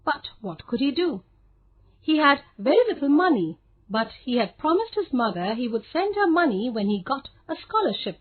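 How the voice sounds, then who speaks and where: A woman with an Indian English accent reading a textbook story aloud in a clear, expressive, measured way. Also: high voice, dry recording, phone-quality sound. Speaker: textbook audio narrator.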